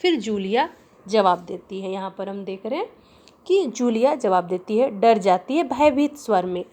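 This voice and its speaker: A woman teacher giving a literature lesson, explaining words slowly and repeating phrases, asking the class questions. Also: mid-range voice, animated, darkish tone.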